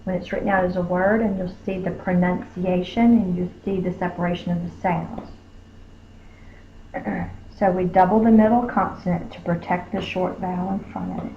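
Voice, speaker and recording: A woman teacher, slowly sounding out letters and sounds in a phonics spelling lesson. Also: fairly low pitch, fairly even intonation, slight background noise. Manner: slow, careful, sounding out each letter. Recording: tinny phone-like lo-fi recording.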